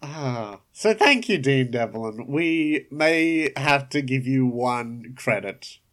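A woman with an American accent co-hosting a podcast, chatting playfully and tossing out quick jokes. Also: extremely low pitch, expressive. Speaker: podcast co-host. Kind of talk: casual chat.

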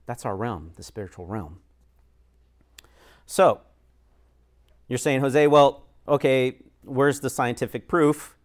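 At a church discussion, an American man who serves as chaplain and pastor speaks loosely and conversationally at medium pitch. He fills pauses with "uh" and "um" and laughs lightly from time to time.

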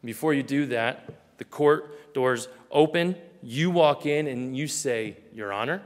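A male pastor preaching a sermon earnestly, acting out small scenes in a quieter voice. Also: mid-range voice, slow pace, long reverb tail.

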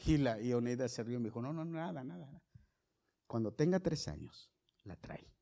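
A middle-aged male pastor preaching a sermon, shifting from loud calls to the congregation to soft, low storytelling. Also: animated, fairly quick, gravelly.

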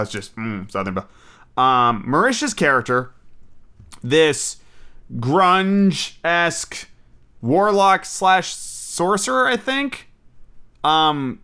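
Man, podcast host, bright tense tone, crisp smooth voice, rambling, swears a lot, eager fan. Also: medium pitch. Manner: rambling, frequent fillers and restarts, swears casually; enthusiastic fan. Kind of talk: casual solo podcast commentary.

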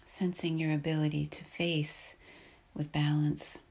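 A woman leads a guided meditation in a low-pitched voice that is soft, breathy and husky. She stays calm and measured, leaving long pauses between phrases.

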